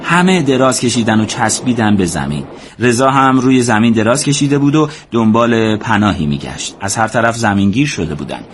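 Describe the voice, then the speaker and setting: Steady male audiobook narrator. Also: on the low side, a little hiss or hum. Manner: steady, measured storytelling.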